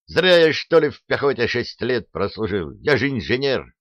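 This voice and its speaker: A man voicing a frantic army engineer captain who yells and rattles off his words, on a dull, dry, lo-fi recording. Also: medium pitch, sing-song, no room sound, pitched above the performer's own voice. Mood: yelling. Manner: yelling, rattling fast.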